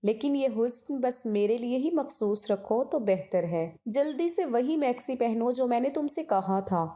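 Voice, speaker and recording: A woman's voice: a little high, animated, mellow, lightly acted. A woman voicing a loving but possessive young husband in a spoken story, speaking firmly and earnestly.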